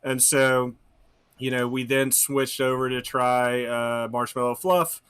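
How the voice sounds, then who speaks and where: A man's voice: medium pitch, little pitch movement, slow, fairly bright tone, clean tone. A man who runs a brewery, a guest on a podcast, telling a story with hesitations and dry humor. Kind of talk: casual chat.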